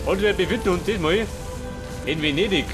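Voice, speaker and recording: A man's voice: high voice, brisk, over music. A man doing casual, colloquial let's play commentary with a flippant, joking manner. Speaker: gaming let's player.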